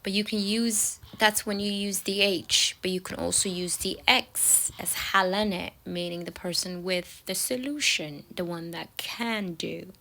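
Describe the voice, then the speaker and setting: A woman's voice: medium pitch, unhurried, creaky, few pauses, sharp tone, low-quality recording. A woman from Somalia telling stories in a casual monologue, often checking in with her listener with "yeah?" and "right?". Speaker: storyteller.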